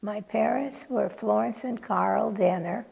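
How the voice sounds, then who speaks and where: An elderly woman in her eighties with a very creaky, gravelly voice looks back on her life in an interview. She speaks slowly and haltingly, pausing as she reminisces. The tone is dark and mellow, and the recording is slightly dull. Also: medium pitch. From California, United States. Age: 80s. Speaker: oral history interviewee.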